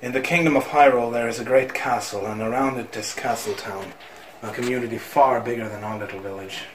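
A man voicing a solemn grown man from a village, reading game dialogue in a hushed, slow way, recorded on a phone camera in a room. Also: mid-range voice, steady tone, reverberant, slight background noise, voice pushed down, lightly acted.

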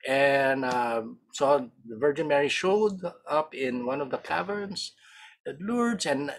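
A Filipino man with a Filipino accent giving an archaeology lecture over slides on a video call, halting often, correcting himself and checking in with "right?". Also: medium pitch, fairly bright tone. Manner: halting, many self-corrections and tag "right?".

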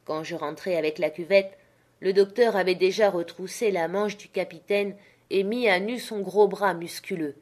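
A woman narrating a classic adventure novel as an audiobook reader, in a steady, measured storytelling voice. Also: mid-range voice.

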